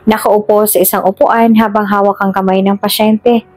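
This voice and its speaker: A woman narrating a scripted drama story in a steady, measured reading. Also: medium pitch, no echo.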